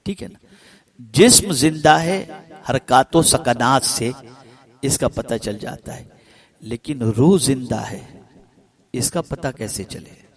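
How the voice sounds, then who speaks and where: A man preaching a religious sermon. He stretches some phrases out slowly and builds others to loud, fervent peaks. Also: mid-range voice. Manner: swells from slow, drawn-out phrases to loud impassioned peaks.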